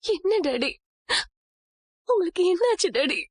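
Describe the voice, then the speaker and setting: A woman's voice: very high voice, expressive, normal speed, no room sound. An actress playing a grown daughter, tearful and remorseful, pleading with her sick father in a TV serial. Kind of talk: TV serial acting.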